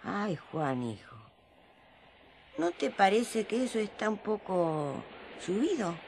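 Slow-spoken, humble old Mary. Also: female voice, mid-range voice, very animated, a little hiss or hum. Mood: wry, gentle. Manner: unhurried, homely, gently teasing. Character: Mary, elderly mother of Jesus, humble, wry, affectionate. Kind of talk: radio drama acting in colloquial Spanish.

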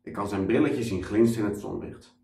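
A man, a children's author, reading a children's story aloud as a lively storyteller. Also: fairly low pitch, a little fast, creaky. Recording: echoey room, mic at a distance.

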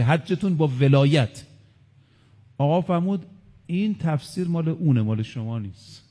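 A man's voice: fairly high pitch, darkish tone, big-room sound. A male cleric giving a religious lecture. He counts his points aloud and quotes Arabic sayings. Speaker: cleric preacher.

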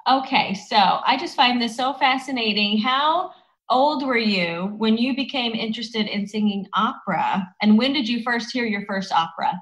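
A woman's voice: fairly high pitch, normal speed, fairly bright tone, rough recording. A woman interviewing a guest, enthusiastic and prone to restarting her questions. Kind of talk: casual interview.

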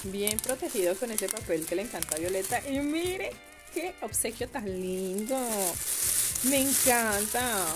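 A young woman with a Colombian accent talks through a beauty unboxing in a chatty, gushing voice of middling pitch. She exclaims often and addresses her viewers directly. Faint music plays behind her. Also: expressive, measured pace. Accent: Colombian Spanish. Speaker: beauty vlogger.

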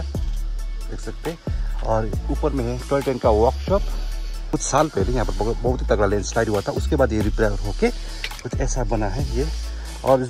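A young adult man, a motorcycle travel vlogger, narrates a casual travel vlog in a mid-pitched, chatty tour-guide voice, calling out to viewers again and again. He's outdoors on hill roads and at a roadside cafe, recorded on a helmet camera and a handheld selfie camera. Outdoor camera sound, background music and passing vehicles run underneath.

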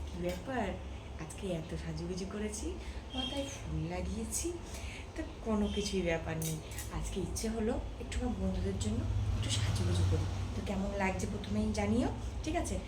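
A woman's voice: mid-range voice, fairly quick, very noisy. A woman, chatting casually to viewers in a home vlog while doing housework. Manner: chatty, addresses viewers directly. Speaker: vlogger, housewife. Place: home, kitchen and bathroom.

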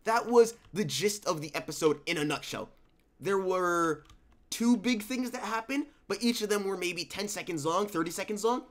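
A man's voice: high voice, lively intonation, normal speed. A young man with a sick voice, giving rambling, casual voice-over commentary for his gaming channel from home. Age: young adult. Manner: rambling, conversational, restarts. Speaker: gaming YouTuber.

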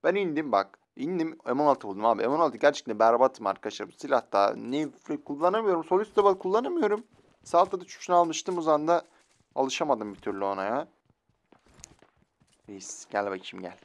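A young man streaming a mobile shooter game, excitable, swearing and joking at other players as he plays. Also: a little high, brisk. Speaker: gaming streamer. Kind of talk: live mobile game commentary. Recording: faint game gunfire behind.

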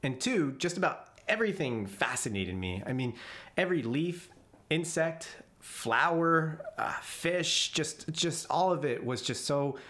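A man's voice: fairly high pitch, expressive, measured pace, a bit bright, slight background noise. A man narrating a voice-over about his jungle memories, chuckling often and restarting his sentences. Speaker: vlogger telling jungle memories. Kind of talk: casual storytelling voice-over. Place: voice-over, not recorded in the jungle.

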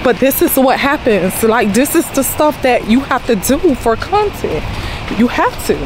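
A woman with a high, bouncy voice talks straight to her viewers in a chatty vlog. She bosses her kids around briskly while filming on her phone outdoors on a city street. Loud traffic and street noise sit right behind her voice. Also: lively intonation. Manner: chatty, addresses viewers directly. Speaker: mother and vlogger. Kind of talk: casual vlog talk to camera.

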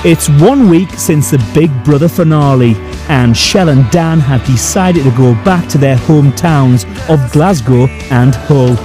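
A man's voice: a little high, a little slow, few pauses, music in the background. A man delivering scripted narration for a television programme.

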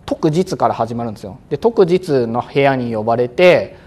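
Man, exam prep lecturer, clear and loud on purpose, fillers, lively pitch, middle voice. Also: normal speed. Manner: acts out examiners and exam-day self-talk.

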